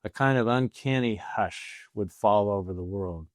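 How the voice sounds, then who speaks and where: An older American man, in his late sixties or beyond, tells a personal faith story in a folksy, deliberate grandfatherly way, posing rhetorical questions. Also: lowish voice, no room sound, studio quality. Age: late 60s or older. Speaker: storyteller giving a faith talk.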